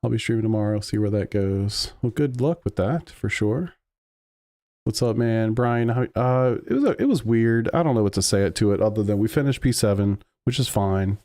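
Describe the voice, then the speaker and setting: A man's voice: lowish voice, lively intonation, moderate pace, dark tone, no echo, clean studio sound. A man streaming a sim racing game, chatting casually with his chat while he drives. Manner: laid-back, rambling, answers chat.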